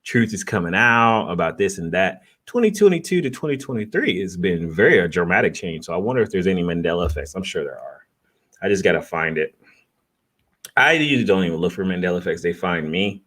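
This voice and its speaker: Low-voiced man, loose rambling reaction chat. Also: sing-song, a little fast, fairly bright tone. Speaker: vlogger reacting to a video. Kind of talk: casual off-the-cuff reaction commentary.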